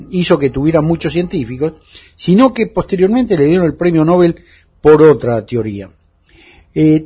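A man with a Buenos Aires Spanish accent giving an earnest, deliberate radio commentary as a correspondent. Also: on the high side, breathy edge. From Argentina. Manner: earnest, deliberate delivery with repeated emphasis. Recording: dull lo-fi audio.

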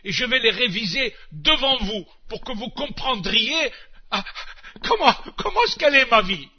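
A man's voice: very high voice, very animated, moderate pace, husky, heavily acted. A man voicing an exasperated middle-aged housewife with a North African French accent, rattling off long lists of chores and dishes. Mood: gossipy. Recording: muffled old radio recording.

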